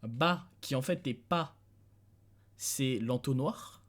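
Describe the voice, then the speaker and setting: Slow and mid-range, this young male streamer from France gives casual live-stream commentary, thinking out loud and breaking into chuckles as he speaks to his viewers. He uses a desk microphone in a dimly lit room at home.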